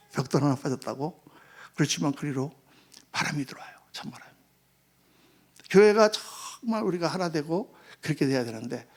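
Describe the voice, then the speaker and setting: A male pastor delivers a sermon with a high-pitched voice and a gravelly rasp. He tells stories animatedly and slips into the voices of the people he describes. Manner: animated storytelling, acting out quoted voices.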